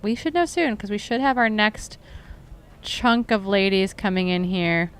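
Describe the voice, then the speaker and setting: A woman's voice: mid-range voice, measured pace, smooth. A woman commentating a live trail race, chatty and upbeat, often correcting herself.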